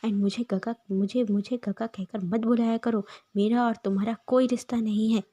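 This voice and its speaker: A cold, scornful young man snaps curt, harsh scoldings, as a woman reads him in her own warm, husky voice. The storybook reading keeps his voice fairly high and mellow. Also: steady tone, normal speed, natural voice. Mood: angry. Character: angry cold teenage boy, scornful.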